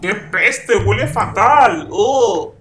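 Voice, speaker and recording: A woman's voice: mid-range voice, expressive, very slow, noisy background. A woman voicing a greedy, hungry, gloating male wolf in a puppet story for children. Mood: hungry, complaining. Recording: roomy echo, music behind.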